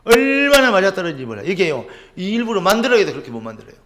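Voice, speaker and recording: High animated Korean preacher man. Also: racing. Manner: rhetorical questions, sudden drops to a low murmur. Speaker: pastor. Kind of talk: sermon.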